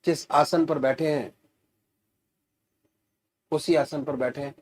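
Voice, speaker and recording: A man giving gentle, soothing guided meditation instructions as a spiritual teacher. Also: a little high, fairly even intonation, a little hiss or hum. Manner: slow, gentle, soothing guidance with rising emphasis.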